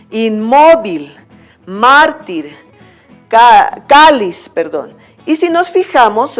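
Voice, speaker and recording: A Bolivian woman teacher explains a lesson slowly and patiently, her voice a little high. She checks in with her class after each point. Soft music plays faintly behind her. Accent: Bolivian Spanish. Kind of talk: recorded school lesson.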